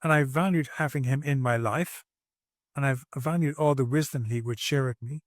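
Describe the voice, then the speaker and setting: Guy in his 60s on a podcast from home, earnest and reflective, restarts a lot, dry sound, mid-pitched. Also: normal speed, no echo. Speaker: podcast guest. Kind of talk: personal storytelling in conversation.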